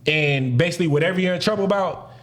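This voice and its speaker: A man in his thirties from New Jersey telling a story in a casual interview, slangy and animated, acting out the people he quotes. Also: fairly high pitch, fast talker. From Paterson, New Jersey. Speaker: guest.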